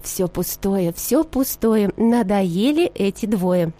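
A woman voicing a hunchbacked, mournful male cream jug who speaks slowly and sadly. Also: a little high, animated, warm tone, dry recording. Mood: gloomy. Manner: slow, sad, sighing.

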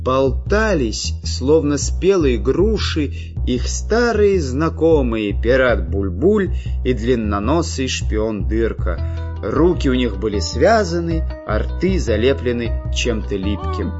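A man narrating a children's fairy tale in an expressive, lively reading. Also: mid-range voice, slow pace. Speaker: audiobook narrator. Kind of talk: storybook narration. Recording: slightly dull, faint music.

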